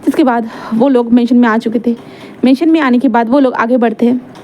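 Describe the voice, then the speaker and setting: Chatty, high-voiced woman storyteller. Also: steady tone, a little fast, a little mellow, a little hiss or hum. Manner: chatty, self-correcting. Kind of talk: casual fan-fiction storytelling.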